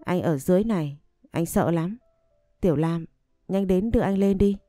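A woman's voice: lowish voice, normal speed, warm tone, dry recording, soft background music, close to an everyday voice. Woman voicing a frightened childlike young man. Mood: terrified. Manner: pleading, fearful.

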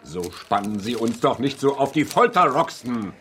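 An actor in a German radio drama playing a grumpy, indignant old professor, fussy, formal and exasperated. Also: male voice, mid-range voice, lively intonation, normal speed, noisy background, lightly acted. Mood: grumbling, impatient. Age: older.

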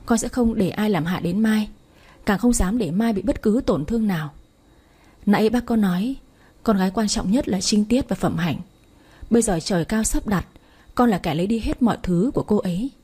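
A woman's voice: medium pitch, normal speed, warm tone, husky, natural voice. A woman reading the lines of an earnest, respectful young man asking to marry. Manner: pleading, respectful. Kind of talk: audiobook story reading.

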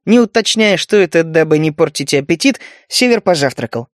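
A man narrating an audiobook in an even storytelling manner. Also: a little high, fairly quick, no echo, studio quality.

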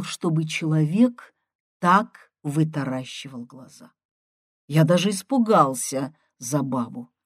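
A woman narrating an audiobook in a slow, measured storytelling manner. Her voice sits a touch low, and the recording is dry and close. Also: a little mellow, slightly rough, no echo. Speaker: audiobook reader. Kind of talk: scripted first-person audiobook narration.

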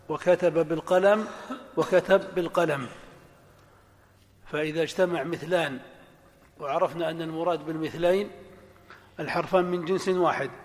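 High-voiced man lecturing in a reverberant hall. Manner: slow and deliberate, repeating examples aloud. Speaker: Islamic scholar teaching grammar. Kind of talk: classroom lecture explaining a text.

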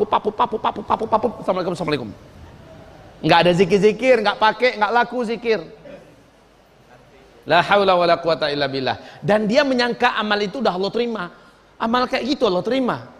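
A middle-aged man preaching a sermon in a large mosque hall, lively and humorous, mimicking the people he talks about. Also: high voice.

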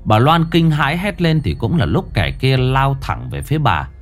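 A man's voice: medium pitch, sing-song, normal speed, soft background music. A man narrating a ghost story with dramatic, swinging delivery.

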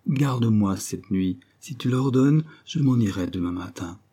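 Timid orphan boy, pleading, dark husky tone, from a male reader. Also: lowish voice, animated, a little slow.

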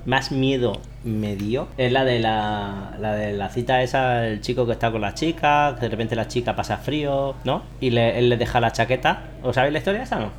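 A man's voice: mid-range voice, fairly quick, hardly any pauses, a little hiss or hum. A man chatting casually with friends, laughing often and telling stories with animation. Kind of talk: casual chat among friends.

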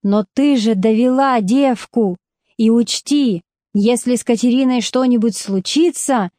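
A woman reading an audiobook, voicing a gruff middle-aged male factory foreman who speaks in curt, commanding bursts and sometimes slows to a heavy scolding. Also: on the high side, mellow, no echo, studio quality, natural voice. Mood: stern.

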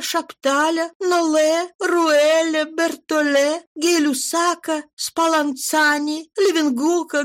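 A woman's voice: high-pitched, voice pushed up. Brief: female reader does anxious loving wife, raised and fervent. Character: devoted wife, anxious and passionate.

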